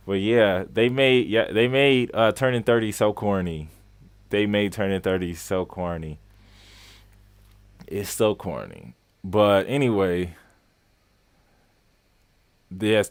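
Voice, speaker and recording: A young man in his late twenties runs a casual live-stream question session, talking in a loose, chatty way and repeating key phrases. His voice sits fairly low, and the sound is close and dry with no room around it. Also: measured pace, pauses often, no room sound. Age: 20s. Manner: greets viewers by name mid-flow. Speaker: skate coach and live-stream host.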